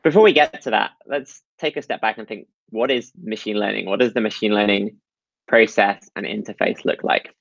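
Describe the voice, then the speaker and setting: Low-voiced man explaining slides. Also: normal speed, creaky, no room sound, highs cut off. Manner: explanatory, frequent ums and uhs. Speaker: meetup presenter. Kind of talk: technical talk over slides.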